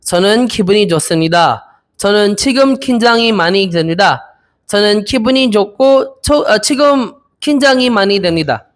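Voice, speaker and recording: A young man in his twenties from the Philippines, practicing Korean interview answers aloud, hesitant and repeating each phrase slowly. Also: high voice, expressive. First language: Filipino. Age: 20s. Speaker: Korean language learner.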